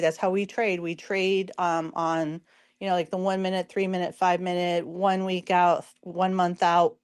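A woman with a hoarse, strained voice hosts a casual market commentary, explaining things informally and speaking straight to her listeners. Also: medium pitch, a little mellow. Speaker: show host.

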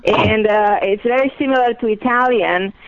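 Woman, 50s, Romanian accent, radio guest on a muffled line, halting delivery. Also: mid-range voice. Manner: hesitant, searching for words. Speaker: guest caller, psychologist. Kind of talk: phone-in interview.

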